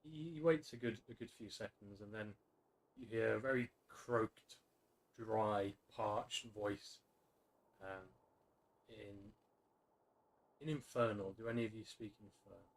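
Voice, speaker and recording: A man with a fairly low-pitched voice serves as game master for a tabletop fantasy game, narrating off the cuff in a halting way and correcting himself as he goes.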